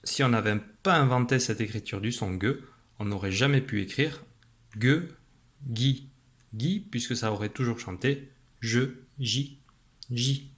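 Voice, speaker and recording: A man teaching a young pupil a spelling rule in an online lesson, patient and clear, slowing down as he demonstrates. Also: medium pitch, fairly bright tone. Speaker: primary school teacher.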